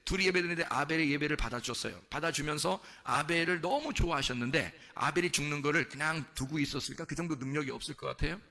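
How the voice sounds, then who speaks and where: A man's voice: fairly high pitch, quick pace, creaky, few pauses, sharp tone. A man preaching a sermon, asking his congregation questions and acting out quoted lines. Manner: asks the congregation questions and acts out quoted speech. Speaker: pastor.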